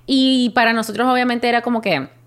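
A woman's voice: a little high, fairly even intonation, brisk. A young woman, casually telling her own life story with many fillers and restarts. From Venezuela. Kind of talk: personal storytelling monologue.

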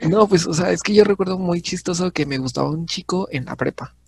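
A man's voice: sits high, fairly quick, vocal fry, slightly rough, no echo. A young man in his twenties with a Mexican accent, co-hosting a casual podcast and telling a story with frequent laughter. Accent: Mexican Spanish. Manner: lively storyteller, laughing often. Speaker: podcast co-host. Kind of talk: casual chat.

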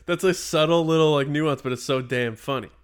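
A man co-hosting a podcast, telling stories in an animated, profane way and acting out quotes. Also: fairly high pitch, fairly quick, clear, resonant tone. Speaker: podcast co-host. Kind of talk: casual chat about a film.

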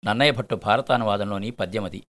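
A man reading a short story aloud as a storyteller, measured and reflective. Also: lowish voice, fairly bright tone.

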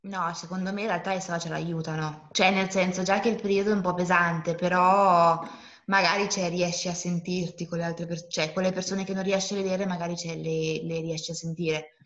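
A woman's voice: lowish voice, level tone, moderate pace. A young woman chatting casually as a podcast guest, searching for her words as she gives her view. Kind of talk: casual group chat. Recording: dull, echoey lo-fi sound.

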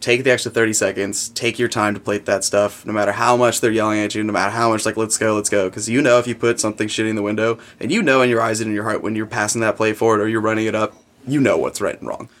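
A man's voice: on the low side, fairly even intonation, quick pace, fairly bright tone. A young man, a chef as guest, telling kitchen stories in a rambling, profane way with lots of fillers. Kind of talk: casual storytelling.

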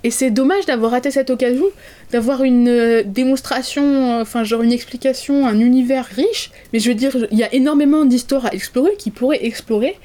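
A woman's voice: fairly high pitch, fairly quick, warm tone. A young woman co-hosting a podcast, talking casually about films in a chatty, wry, digressive way. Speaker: podcast co-host. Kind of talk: casual chat reviewing films.

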